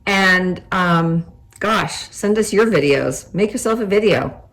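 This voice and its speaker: An older woman co-hosting a casual chat, telling animated stories and laughing often. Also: fairly low pitch, slow, rough recording. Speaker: co-host.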